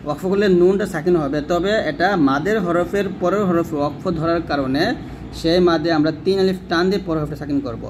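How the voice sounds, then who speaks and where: A man explains the rules of Quran recitation patiently and step by step. He pauses to recite each example word slowly, stretching the sounds out. His voice sits a little higher than most men's. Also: a little mellow, slight background noise.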